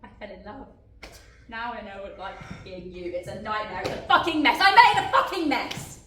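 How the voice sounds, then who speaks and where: A woman's voice: medium pitch, lively intonation, brisk, natural voice. A young woman plays a wounded wife who fights back, her voice rising and falling widely. She is heard from far off on a roomy stage. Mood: defiant. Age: young adult. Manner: defiant, shouting, bitter. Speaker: student actor. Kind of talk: live stage acting. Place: theatre stage. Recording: echoey stage from far off, faint noise.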